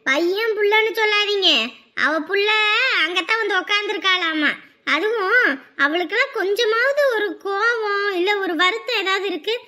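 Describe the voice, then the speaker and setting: A very high, bright-voiced middle-aged aunt, played by a woman in a family drama skit. She grumbles and scolds in a sharp, indignant way. She turns soft and coaxing with the child she looks after. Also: normal speed.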